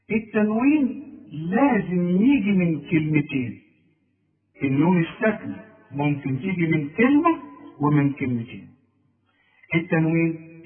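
A man with an Egyptian Arabic accent teaching a tajweed lesson, patiently quizzing the listener with questions he answers himself and slowly drawing out recited examples with a nasal hum. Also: on the high side, far from the mic. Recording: tinny phone-like sound.

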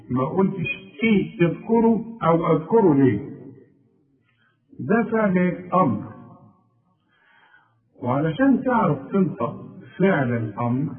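An Egyptian man teaches a Quran recitation lesson, patiently drilling each letter and drawing out syllables so learners can copy them. His voice sits a little high. It reaches the listener thin and tinny, as if over a phone, from some distance away from the mic. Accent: Egyptian Arabic. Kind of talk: tajweed lesson. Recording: tinny phone-like audio from afar.

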